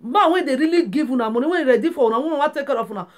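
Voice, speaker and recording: A woman's voice: high-pitched, racing. A woman with a Nigerian accent, giving relationship advice in a casual, preachy vlog monologue full of rhetorical questions. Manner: preachy, emphatic, asks rhetorical questions often.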